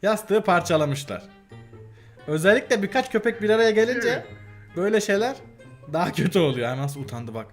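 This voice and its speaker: A man's voice: sits high, animated, a little fast, soft background music. A young man casually reacting to animal videos for his channel, giggling often and gushing over how cute they are.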